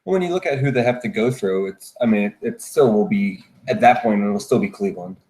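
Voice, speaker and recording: A man's voice: fairly low pitch, expressive, brisk, a little mellow. A man chatting casually about basketball as a fan on a sports panel. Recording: roomy echoing room sound.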